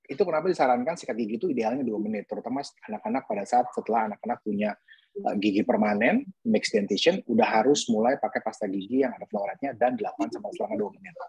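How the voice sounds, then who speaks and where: A man's voice: mid-range voice, very animated, quick pace, vocal fry, darkish tone, breathy edge, dry recording, rough recording. A man who is a pediatric dentist, giving an earnest webinar talk to parents and posing emphatic rhetorical questions.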